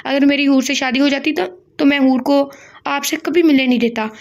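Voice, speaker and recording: A woman's voice: sits high, steady tone, brisk. A woman reading aloud as a clingy, sulky little boy in a novel, with a whiny, pleading manner.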